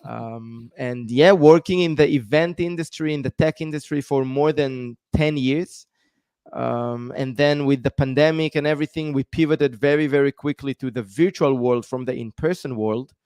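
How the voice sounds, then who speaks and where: A man's voice: mid-range voice, moderate pace, a little mellow, clear, resonant tone, no room sound, studio quality. A man, a guest explaining at length in a live-stream interview with many ums. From Israel. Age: 30s. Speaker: guest, tech founder.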